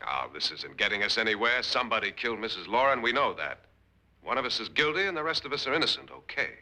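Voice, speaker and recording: Tough, very forceful suspicious guest. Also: male voice, mid-range voice, sing-song, fast, full character voice. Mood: tense, resolute. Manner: blunt, decisive, hard-edged. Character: tough, blunt, suspicious male party guest. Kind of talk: vintage suspense film acting.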